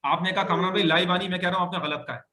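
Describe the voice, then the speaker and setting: A male teacher with a high, bright, ringing voice leads a grammar lesson, patiently repeating sentences and correcting students as his words bounce around a roomy classroom. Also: fairly even intonation, rapid-fire. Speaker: Arabic teacher.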